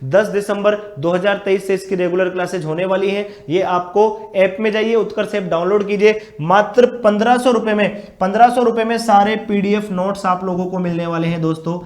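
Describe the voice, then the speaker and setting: A man teaching exam strategy in an energetic, repetitive way, often calling his viewers brothers and friends. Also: high-pitched, echoey room. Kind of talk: exam strategy lesson with batch promotion.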